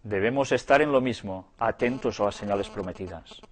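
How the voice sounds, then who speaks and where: Man preaching a book. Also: lowish voice. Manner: reads passages slowly and emphatically, then comments conversationally with tag questions. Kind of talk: sermon reading aloud and commenting.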